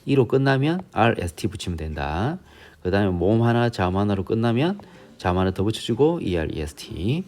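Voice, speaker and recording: A man's voice: on the low side, sing-song, moderate pace, a little mellow. A male English teacher with a Busan accent, giving a grammar lesson step by step and often checking in with the students.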